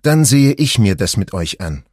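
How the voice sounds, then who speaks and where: A man's voice: on the low side, big pitch swings, moderate pace, darkish tone, slightly rough, no echo, studio quality. A man voicing a mother of two boys in an audiobook, speaking in a lightly teasing way. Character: mother of two boys, woman, 40s, easygoing.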